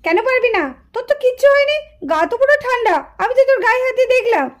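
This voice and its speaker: A woman's voice: very high-pitched, expressive, rapid-fire. Woman doing a furious puppet mother. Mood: scolding. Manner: scolding, shouting threats. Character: strict, angry village mother with a stick. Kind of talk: puppet-show cartoon voice.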